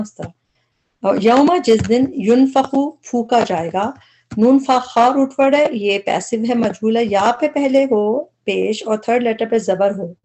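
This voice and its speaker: A woman's voice: medium pitch, a little mellow. Woman teaching word by word, patient. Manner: patient, explains step by step, mixes in English terms. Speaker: Quran word-study teacher. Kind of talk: explanatory lesson.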